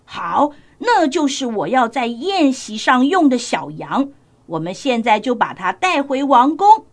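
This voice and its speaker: A woman's voice: high-pitched, sing-song, unhurried, heavily acted. A woman voicing a bossy, hot-tempered male king in a children's storybook tale, with a commanding, blustering manner. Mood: demanding.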